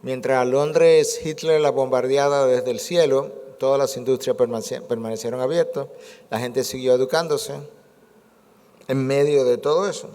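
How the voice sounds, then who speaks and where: A man's voice: medium pitch, fairly even intonation, normal speed, mellow, clean tone, big-room sound. A pastor in his sixties preaching a sermon, building his points with rhetorical questions and repeated phrases. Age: 60s. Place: church sanctuary.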